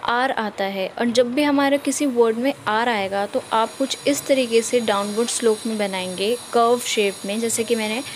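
A woman's voice: fairly high pitch, normal speed, hardly any pauses, a little hiss or hum, poor audio. A woman teaching shorthand in a screen-recorded tutorial, explaining each step patiently and checking in with her viewers often.

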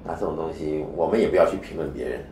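This spiritual teacher has a very low, mellow voice and speaks rapid-fire during an interview. He lectures extensively, repeatedly posing rhetorical questions, in an echoey space with a faint hiss beneath.

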